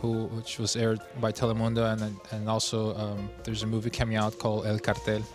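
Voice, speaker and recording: A man, an actor, talking hesitantly with many pauses in a casual interview. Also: lowish voice, monotone, over music.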